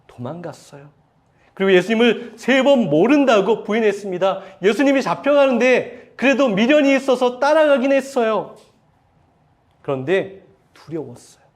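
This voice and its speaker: A male pastor delivers an emotional sermon in a fairly high voice. He talks straight to the congregation, asks questions, and swells in intensity when he acts out quoted pleas. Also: sing-song, normal speed.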